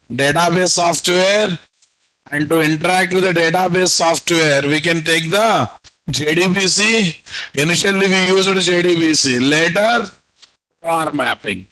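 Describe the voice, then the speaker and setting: Male online instructor, Telugu Indian accent, slightly high-pitched, slow dictation with repeats and prompts to the class. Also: a bit bright, poor audio. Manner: repeats phrases, prompts students with questions. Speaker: programming instructor. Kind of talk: live online lesson, dictating notes. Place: indoor room at a computer, video call.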